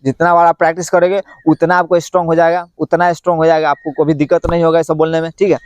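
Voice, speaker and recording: A man teaches English pronunciation. He drills tongue twisters slowly, over and over, then coaches in a casual, chatty way. His voice sits high, and the recording is dry and close. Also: level tone, clean tone, dry recording. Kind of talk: pronunciation lesson.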